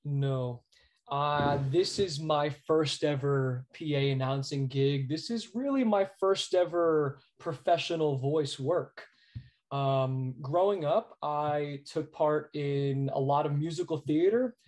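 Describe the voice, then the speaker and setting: Speaking slowly in a slightly high, a little mellow voice, this American man shares stories as a guest in an interview. He works as a sports arena announcer and comes across earnest and emphatic, frequently repeating words.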